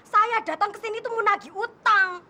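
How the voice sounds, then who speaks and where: An actress playing a fiery young market seller who shouts indignantly about an unpaid debt in a sitcom. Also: female voice, very high-pitched, steady tone, normal speed, full character voice. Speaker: sitcom character. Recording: music and audience laughter behind.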